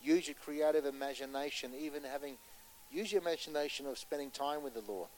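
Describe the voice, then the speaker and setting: A man preaching a sermon with passion, pressing his points loudly and then dropping to a hushed voice to tell a story, and putting questions to his listeners. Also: a little high, a little fast, slight background noise, poor audio. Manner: impassioned, swinging between loud urgency and hushed storytelling; asks the audience rhetorical questions.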